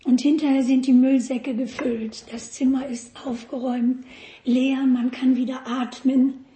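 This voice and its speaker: A woman's voice: sits high, little pitch movement, unhurried, mellow, echoey room, slight background noise. A woman preaching a sermon, often asking the congregation questions.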